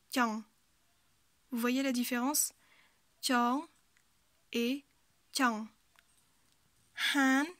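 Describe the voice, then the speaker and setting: A woman with a fairly high voice teaches a language lesson, patiently explaining pronunciation rules and repeating example words. She hesitates frequently, and there is no echo.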